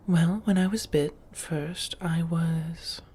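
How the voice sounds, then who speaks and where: Voicing an affectionate, genteel vampire who has shared a home for centuries, a woman speaks softly for an ASMR roleplay in a deep, husky, breathy voice. The delivery is heavily acted, with measured, old-fashioned phrasing and a wistful, apologetic mood.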